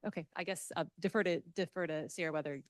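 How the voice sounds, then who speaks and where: A woman's voice: low voice, fast talker, no room sound, studio quality. A woman who is the town attorney, stepping in apologetically at a committee meeting to make a careful procedural clarification. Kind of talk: legal clarification at a public meeting.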